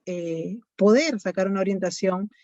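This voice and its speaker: A woman's voice: mid-range voice, normal speed, a little mellow, dry recording. A woman psychologist with a Peruvian Spanish accent, explaining things to parents in an online talk, with lots of fillers. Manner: explanatory, many fillers like "eh" and "este". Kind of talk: online talk answering questions. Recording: dull lo-fi dry sound.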